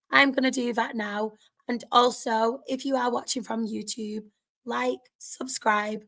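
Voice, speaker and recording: A woman's voice: fairly high pitch, vocal fry, a bit bright. A woman with a sore, strained throat, chatting casually to viewers as host of a football fan livestream.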